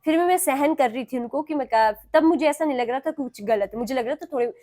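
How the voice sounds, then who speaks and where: A young adult woman from Himachal Pradesh, a guest on a talk show, telling a personal story in an animated way and acting out what others said. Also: high voice, fast talker. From Himachal Pradesh, India. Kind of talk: recounting a personal story in an interview.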